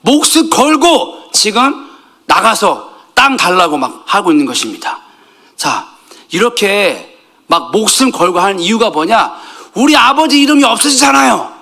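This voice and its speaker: A middle-aged man preaches in a loose, conversational way, trading jokes with his congregation. His voice sits fairly high and swings widely in pitch, lurching from loud outbursts down to hushed asides. The tone is bright and ringing. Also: sing-song, measured pace. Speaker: pastor. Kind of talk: conversational sermon.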